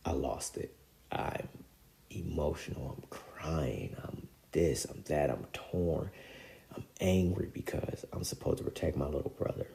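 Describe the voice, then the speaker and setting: A man with a very deep, gravelly voice tells a personal story in loose, slangy talk. His tone is dark and mellow, and it sinks toward a hush when the story gets heavy. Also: lively intonation, measured pace. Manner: emotional, drops to near-whispers in heavy moments; casual street slang, repeats filler phrases.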